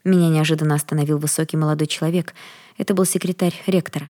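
A woman reading a first-person fantasy novel aloud in a steady, measured way. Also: deep voice. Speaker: audiobook narrator.

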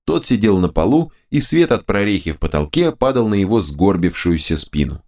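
Brief: expressive male storyteller, rather low and animated. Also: moderate pace, gravelly. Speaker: audiobook narrator. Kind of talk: first-person fantasy narration.

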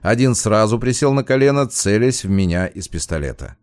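A male audiobook narrator with a low voice, telling a first-person tale in a measured, dramatic manner. The sound is dry and close, with no room around it. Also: expressive, darkish tone, no room sound.

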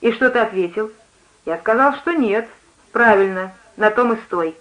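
A woman's voice: fairly high pitch, moderate pace, a bit bright, lightly acted, rough recording. A woman voicing a practical grown man, a coach driver, who asks short, offhand questions.

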